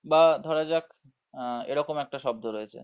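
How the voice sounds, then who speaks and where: A man teaching an online class to school students, explaining slowly, checking in with frequent tag questions and drawing words out syllable by syllable, on dull lo-fi audio. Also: on the high side, clean tone. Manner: drawls words out syllable by syllable when demonstrating.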